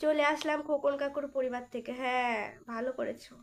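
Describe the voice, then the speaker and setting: Young woman live streamer, high voice, sore throat, chatty and teasing. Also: steady tone, brisk. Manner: chatty, teasing, greets viewers by name. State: sore throat, voice changed by illness. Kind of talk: casual live-stream chat greeting viewers.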